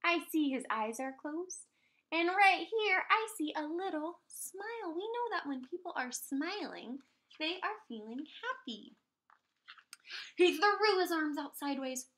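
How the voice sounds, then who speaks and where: Speaking at an extremely high pitch, a female preschool teacher shares a picture book with little kids in a lively, encouraging manner. Along the way she pauses to ask them questions and give simple explanations.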